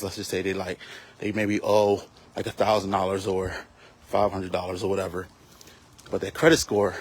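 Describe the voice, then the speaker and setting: A realtor giving casual, rambling tips on a live stream while walking outdoors, out of breath and full of fillers. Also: male voice, on the low side.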